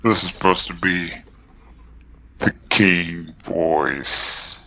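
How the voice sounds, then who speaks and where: A man's voice: sits low, very slow, creaky, pushed and bright. A man talking through a cheap voice changer that morphs his voice, muttering rambling asides during casual gameplay commentary. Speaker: gamer.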